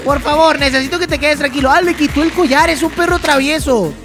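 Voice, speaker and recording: Brief: high voice, lively YouTuber reacting to a cartoon, loud music underneath. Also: brisk. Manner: excitable, laughs often, reads dialogue aloud. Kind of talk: reaction commentary.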